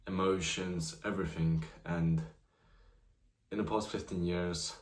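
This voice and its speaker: A nineteen-year-old guy vlogs casually to the camera about his life, rambling and leaning heavily on "you know." His voice is low and his intonation fairly even, delivered at a measured pace in an echoey room.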